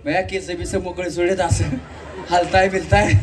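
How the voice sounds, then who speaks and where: High-pitched man hosting a live stage game, jokey and teasing, mic set back with a faint crowd behind. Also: level tone, normal speed, far from the mic. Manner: teasing, playful, shouts rhythmic game calls. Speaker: game show host. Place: community event stage with audience.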